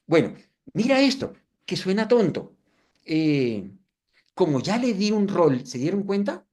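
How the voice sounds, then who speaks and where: A man's voice: sits high, measured pace. A man in his fifties presenting a live webinar demonstration, asking the audience questions and making self-deprecating asides. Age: 50s. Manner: lively, asks the audience rhetorical questions.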